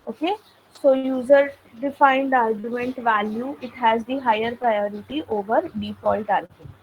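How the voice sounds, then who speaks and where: This programming lecturer, a woman teaching online by video call, explains each step and keeps saying "okay" in pauses. Her fairly high voice is steady and darkish, captured in a low-quality recording with a bit of hiss or hum.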